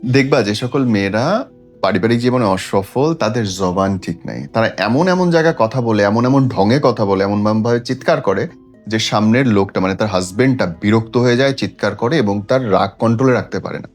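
A man with a Bangladeshi accent hosts a show giving opinionated relationship advice, preaching emphatically and throwing out rhetorical questions. His voice is on the low side, a little fast, with lively intonation, and background music plays behind him.

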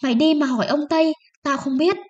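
A woman voicing a harsh, bullying male village chief who snaps and shouts at the villagers. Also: on the high side, fairly quick, highs cut off, close to an everyday voice. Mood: angry. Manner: snapping, shouting.

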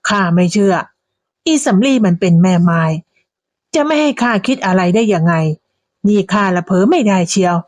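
A woman voicing a jealous, furious old village wife who curses and accuses in a slow, drawn-out way. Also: medium pitch, lively intonation, darkish tone, close to an everyday voice. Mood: suspicious, indignant. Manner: cursing, accusing, drawn-out delivery.

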